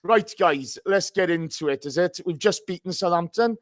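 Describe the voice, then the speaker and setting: A man's voice: sits high, moderate pace, no room sound, studio quality. A hungover man hosting a casual live football fan show, talking in a blunt, matey way.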